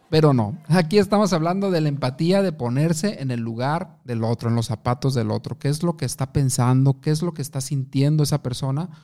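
A man's voice: on the high side, warm tone. A man giving an instructive talk on communication, asking the listener questions and telling short anecdotes. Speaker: communication coach.

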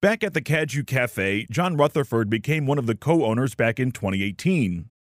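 Lively storytelling male podcast host. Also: medium pitch, moderate pace, no echo, clean studio sound. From Michigan. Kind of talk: scripted narration.

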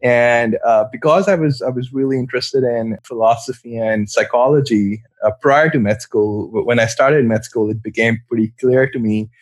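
A man's voice: mid-range voice, normal speed, few pauses, dry recording. A man from Pakistan, a psychiatrist answering interview questions in a thoughtful way, with many fillers and restarts. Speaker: psychiatrist guest.

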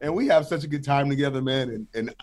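A man's voice: mid-range voice, quick pace. A middle-aged man talking earnestly and emotionally as a guest in a casual podcast chat.

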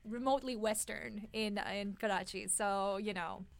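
A woman's voice: mid-range voice, fairly even intonation, measured pace, creaky. A woman co-hosting a language lesson, conversational and explanatory in her delivery. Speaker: Urdu lesson podcast host. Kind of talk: casual co-hosted language lesson.

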